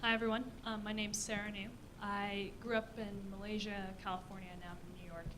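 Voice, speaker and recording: A young woman in her twenties gives a brief, light self-introduction on a panel. Her voice sits mid-range, and room ambience is clearly heard behind her. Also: medium pitch, flat delivery, fairly quick, noisy background. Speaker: panelist, freelance writer.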